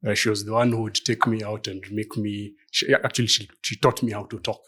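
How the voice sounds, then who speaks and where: A middle-aged man from Kenya speaks in a somewhat low, husky voice. He answers interview questions thoughtfully, pausing often with fillers and small hesitations. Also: flat delivery, bright, forceful tone. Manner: thoughtful, hesitant with many fillers, light laughs. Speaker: law firm partner, guest. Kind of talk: conversational interview.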